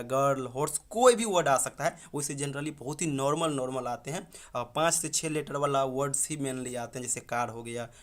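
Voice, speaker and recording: A man's voice: a little high, fairly bright tone. Man tutoring on exam questions. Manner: addresses viewers as friends, lists terms.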